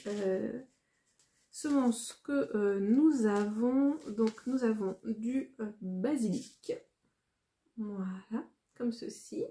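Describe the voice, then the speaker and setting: A woman from France vlogging casually as she unboxes a parcel, talking in a hesitant, rambling way with frequent pauses. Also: fairly high pitch, dark tone.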